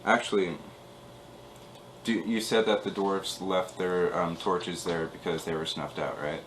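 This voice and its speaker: A man's voice: sits low, steady tone, measured pace, fairly bright tone, slight background noise. A man playing in a tabletop game, easygoing and thinking aloud as he plans his moves. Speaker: player. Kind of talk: casual chat at a tabletop game.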